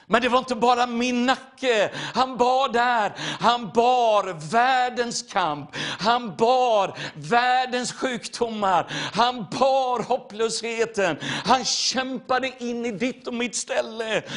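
High-voiced man preaching a testimony. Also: fairly bright tone. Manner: earnest, repetitive, addresses listeners directly. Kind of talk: sermon testimony.

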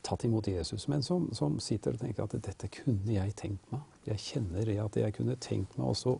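A man's voice: lowish voice, vocal fry, warm tone, breathy edge. A male host leading a Bible discussion, reflective and leading the conversation.

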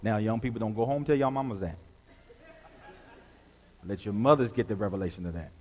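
In a church sanctuary, a pastor with a low-ish, slightly mellow voice delivers a brisk sermon on dull audio with long hall reverb. He draws the congregation into call-and-response through repeated phrases and climbing, forceful passages.

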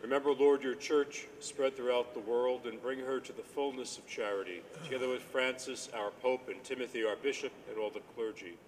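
A man with a mid-pitched voice recites prayer as a priest at Mass. His delivery is formal and reverent, heard through long church reverb with faint noise. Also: fairly even intonation, a little fast, few pauses. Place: large echoing church.

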